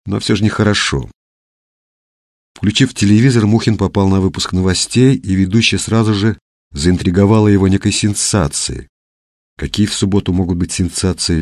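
A man narrating an audiobook in an even, unhurried storytelling manner. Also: sits low, no echo, clean studio sound. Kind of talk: scripted narration.

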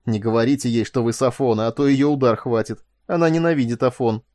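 A male narrator voicing a drugged, giggling man who is weak but cheeky, raising his voice high and loud. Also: brisk, dry recording, clean studio sound, close to an everyday voice. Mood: giggly.

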